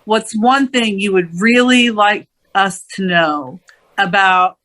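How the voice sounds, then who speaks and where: A woman's voice: medium pitch, takes it slowly, fairly bright tone, low-quality recording. A middle-aged woman co-hosting a casual interview, asking open questions and telling family stories in a chatty way. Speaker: podcast co-host.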